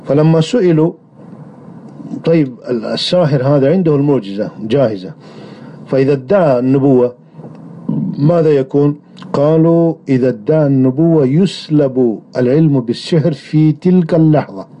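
A man delivering a religious lecture on creed in a measured way, often pausing on drawn-out hesitation sounds. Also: a little high, mellow. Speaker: religious teacher. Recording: dull lo-fi recording.

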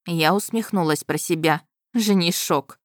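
A woman telling a story in the first person, in a lively and wry manner. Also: lowish voice, normal speed, no room sound, clean studio sound. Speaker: narrator.

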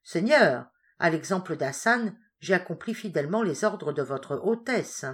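A woman's voice: on the low side, expressive, unhurried. A woman doing a boastful little boy. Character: boastful frail young boy Ali. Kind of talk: storybook reading.

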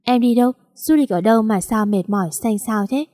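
A woman reading an audio story voices a caring older sister. She sounds worried and speaks soothingly, in a mellow, fairly high voice. The recording is dry. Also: a little fast, no echo, long reverb tail, close to an everyday voice.

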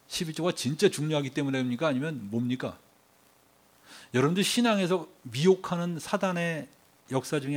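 Emphatic preacher man, slightly high voice. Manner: fires rhetorical questions at the congregation; emphatic, swings between hushed and raised delivery. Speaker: pastor. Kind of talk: sermon.

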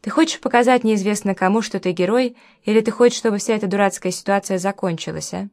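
A woman's voice: mid-range voice, fast talker, darkish tone, lightly acted. A blunt, tough grown man who speaks in short, commanding sentences, as a woman reads him. The lines come from an audiobook reading in the narrator's own voice. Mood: firm. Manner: curt and commanding. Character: blunt, tough adult man, protective friend.

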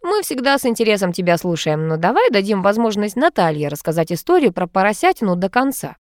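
A woman's voice: medium pitch, big pitch swings, quick pace, no room sound, studio quality, lightly acted. A woman voicing a brash, sarcastic young man who makes demands and mocks people, read as part of an audiobook. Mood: mocking.

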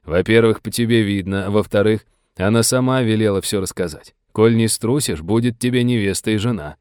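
A man voicing a gruff older Russian settler with a folksy, blunt, scolding manner. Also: lowish voice, brisk, a little mellow, no echo, studio quality, lightly acted. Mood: hearty.

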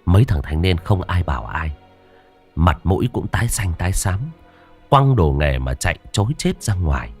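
A man narrating a ghost story in a dramatic, expressive way, voicing every character himself. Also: low voice, moderate pace, husky. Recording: dry voice over faint music. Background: faint background music.

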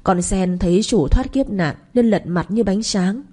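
A woman narrating an audio story in a steady, dramatic storytelling manner. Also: medium pitch, a little slow.

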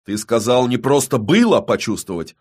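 A man's voice: medium pitch, sing-song, moderate pace, darkish tone. A man reading an audiobook, voicing a stern, powerful male official with a harsh temper and curt, commanding speech. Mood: demanding.

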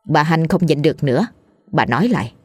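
A woman, narrating a scripted ghost story in a steady reading voice. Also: sits low, fairly quick, breathy edge, dry recording.

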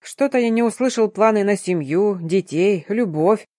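Reading an audiobook, a woman takes on the part of a sly, domineering and stern male curator whose manner is curt and commanding, and she sounds stern and mocking. Her voice is medium-pitched, mellow and natural, delivered at a moderate pace. The studio-quality recording has no echo.

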